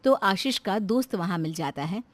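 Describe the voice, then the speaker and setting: A woman narrating a cartoon moral story in a scripted, expressive storytelling manner. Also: medium pitch, normal speed, dry recording.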